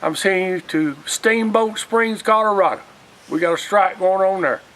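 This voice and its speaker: Speaking at a normal speed, this man has a high, slightly bright voice, captured on a low-quality recording. He's an aging Alabama storyteller with union-organizing days behind him, casually reminiscing in a folksy, meandering manner and relaying what others said back then.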